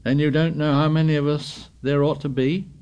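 A man's voice: fairly high pitch, flat delivery, moderate pace, clear, resonant tone, pitched above the performer's own voice, natural voice. A man voicing a boy leader who speaks curtly and sharply. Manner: curt, sharp.

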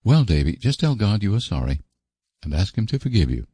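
A man voicing a patient, kindly young woman in a storybook, gently reasoning and soothing as if to a child. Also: fairly low pitch, sing-song, a little fast, husky, no echo, voice pushed up, full character voice. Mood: soothing, firm. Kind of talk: storybook character voice.

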